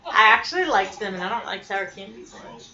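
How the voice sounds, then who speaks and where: A woman's voice: medium pitch, animated, quick pace, sharp tone. A woman co-hosting a podcast in casual chat, blunt and sarcastic, cursing freely. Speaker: podcast co-host. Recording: roomy, dull sound with noise. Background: noise.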